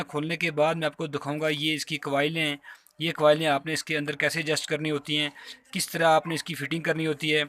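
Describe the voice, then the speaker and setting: A repair tutorial host from Azad Kashmir, speaking with a Pakistani accent, narrates a hands-on repair step by step, politely, informally and repetitively. He has a fairly high, bright, forceful voice and records on a handheld phone while working.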